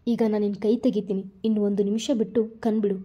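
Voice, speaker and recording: Brief: woman playing a soothing, teasing young man, dark mellow tone, dull recording. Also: medium pitch, level tone, a little fast, lightly acted. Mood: coaxing. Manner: coaxing, soothing. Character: patient teasing young man, the heroine's sweetheart.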